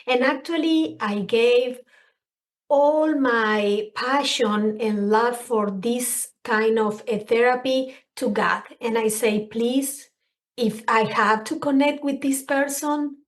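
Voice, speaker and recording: A counselor guesting on a podcast, this middle-aged woman talks in a slightly high voice and takes her time. Originally from a Spanish-speaking country, she speaks English as a second language with a Spanish accent, sounding earnest and expressive while hunting for words in a conversational interview.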